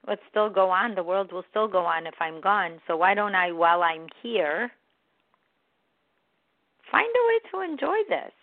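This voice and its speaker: A woman giving a gentle, encouraging and reflective motivational self-help talk. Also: medium pitch, sing-song, a little slow, no echo. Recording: dry, tinny phone-like sound.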